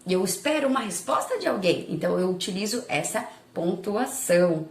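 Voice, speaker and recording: A woman's voice: medium pitch, animated, fairly quick, roomy sound. A woman teacher with a Brazilian Portuguese accent, patiently reviewing lessons step by step for her pupils and often checking they follow. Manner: patient, explaining step by step with frequent check-ins.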